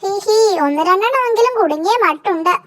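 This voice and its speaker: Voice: very high-pitched, animated, brisk, fairly bright tone. A performer voicing cheeky, scheming cartoon jungle animals in a playful, giggling, sly way. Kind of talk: cartoon voice acting.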